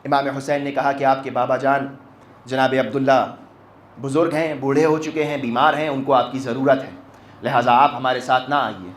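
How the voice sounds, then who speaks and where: A man's voice: medium pitch, little pitch movement. A man leading a mourning sermon as a maulana, speaking in a chanting, impassioned way that swells into cries.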